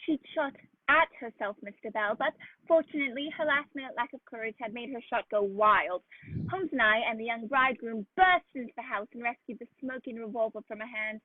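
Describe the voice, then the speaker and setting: Radio drama narrator: female actor as genteel gentleman doctor, earnest, high-pitched, dry close sound. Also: fairly quick, no echo, narrow, tinny audio, natural voice. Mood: reflective. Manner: proper, old-fashioned, earnest. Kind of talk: 1940s radio play acting and storytelling.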